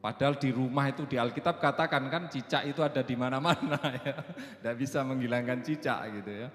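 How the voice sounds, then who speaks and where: A man's voice: fairly even intonation, fairly quick. Preaching man in an echoey hall. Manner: swings from loud high preaching to soft chatty storytelling, laughs often. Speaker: pastor. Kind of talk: sermon. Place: church hall. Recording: echoey church hall with reverb and faint music.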